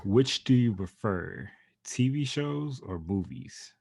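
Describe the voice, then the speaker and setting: A man's voice: medium pitch, lively intonation, takes it slowly, creaky, darkish tone, slightly rough. A man hosting a podcast, asking easygoing questions in casual chat. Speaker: podcast host.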